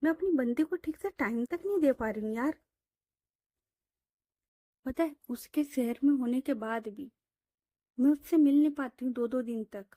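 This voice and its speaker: A woman's voice: sits high, moderate pace, pauses often, dark tone, no echo, clean studio sound, close to an everyday voice. A woman voicing a playful young woman who teases her friends in breezy, casual slang.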